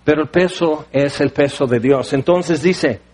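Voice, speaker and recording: A man's voice: fairly high pitch, unhurried, a little mellow. A man with a Mexican accent preaching a sermon, telling stories with everyday analogies and firing off rhetorical questions. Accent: Mexican Spanish.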